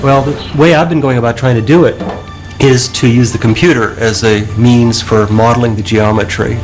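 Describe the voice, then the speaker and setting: Mid-pitched male researcher explaining, music behind. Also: rough recording. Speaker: university researcher, interviewee. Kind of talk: explanatory documentary interview, unscripted.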